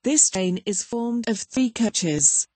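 A woman voicing an automated female train station announcer, reading platform announcements in a slow, even way. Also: fairly high pitch, no echo. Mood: formal. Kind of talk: automated public address announcement.

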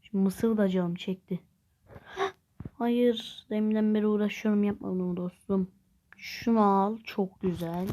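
A woman talks through a mobile game she is playing on her phone. Her voice is mellow and relaxed, and she chats along casually. She exclaims and groans whenever the game goes against her. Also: mid-range voice, a little slow. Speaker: gameplay vlogger.

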